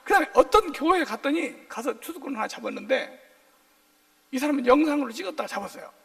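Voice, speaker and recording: A male pastor preaching a sermon in a lively, joking way, firing questions at his congregation for call-and-response. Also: extremely high pitch, fast, vocal fry, distant mic. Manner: jokey, playful asides.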